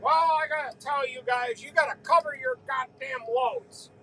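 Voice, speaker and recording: A man voicing an irate, swearing older male neighbor who refuses to calm down. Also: extremely high pitch, moderate pace, slight background noise, voice pushed up, full character voice, low-quality recording. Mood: angry. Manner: angry, swearing, stubborn.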